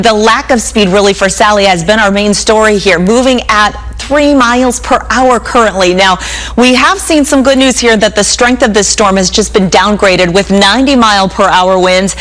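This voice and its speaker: Female weather anchor, medium pitch, live news presentation. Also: normal speed, a bit bright.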